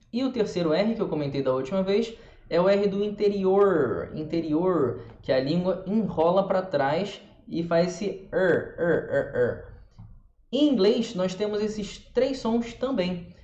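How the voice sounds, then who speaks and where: A Brazilian man teaching English pronunciation, slowly repeating example words again and again. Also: a little high, a little mellow. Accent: Brazilian Portuguese. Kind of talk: pronunciation lesson. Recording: echoey room, dull lo-fi sound.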